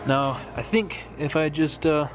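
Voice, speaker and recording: Frat-bro man, higher-pitched voice, garage vlog. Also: a little slow. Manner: frat-bro slang and easy swearing, dude-like. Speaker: host of a car project vlog. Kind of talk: casual garage vlog talk. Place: garage workshop, indoors. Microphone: handheld camera at arm's length.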